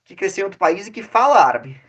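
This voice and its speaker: A man with a Brazilian Portuguese accent, co-hosting a podcast in casual chat, talking in a blunt, animated way, swearing and breaking off into quick restarts. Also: sits high, slightly rough. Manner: animated and blunt, swears, trails off into restarts, quickly mimics other people's lines. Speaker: podcast co-host.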